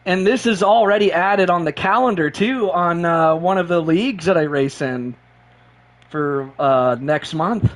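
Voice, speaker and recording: High-voiced, excitable male streamer. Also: a little slow. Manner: excitable, rambling, repeats himself. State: short on sleep and caffeinated. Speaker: sim racing live streamer. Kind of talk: excited live-stream chat.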